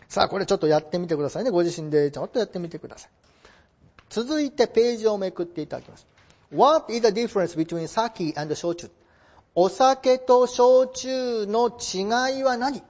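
A man teaching a lesson, explaining example sentences in a lively, coaxing way. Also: sits high, creaky, muffled recording. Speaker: English teacher. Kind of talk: lecture with read-aloud example sentences.

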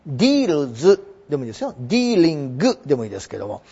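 A man explaining English vocabulary in a chatty lesson, slowing down to spell out words. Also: on the high side, wildly swooping pitch, creaky, mellow, husky. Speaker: English teacher. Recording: dull lo-fi recording.

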